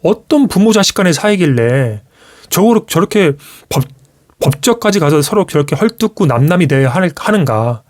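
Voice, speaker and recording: This YouTuber's voice sits a little high, and he talks at a moderate pace. Streaming live, he shares a personal story with viewers in loose, casual speech full of restarts. His storytelling is animated, and he performs the lines his parents said.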